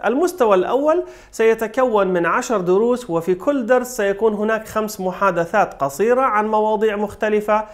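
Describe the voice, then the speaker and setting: High-voiced male language teacher. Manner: clear, explanatory teaching delivery. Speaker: English teacher. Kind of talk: online language lesson.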